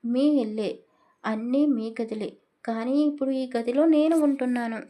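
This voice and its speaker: Defensive young heroine voiced by a woman, audio story, lifted, sharper pitch. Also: moderate pace, warm tone, natural voice. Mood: startled, defensive.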